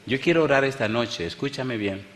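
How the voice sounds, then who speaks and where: A man preaching a sermon as a pastor, telling stories with bursts of excitement and hushed quiet moments before a live congregation. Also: mid-range voice, moderate pace. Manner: animated storyteller, swings from excited outbursts to hushed tones. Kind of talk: sermon with storytelling. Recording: echoey hall, faint background noise.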